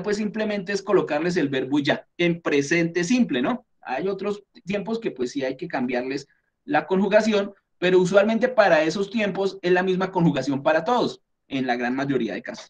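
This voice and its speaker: A man with a Colombian accent teaching a class, explaining things patiently step by step and often checking in with his students. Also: high voice. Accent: Colombian Spanish.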